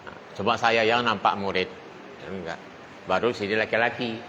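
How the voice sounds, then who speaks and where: A man with a fairly low voice chats casually to a gathered audience. The recording is dull and lo-fi, with steady background noise clearly audible. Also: normal speed. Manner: casual, chatty, laughs easily.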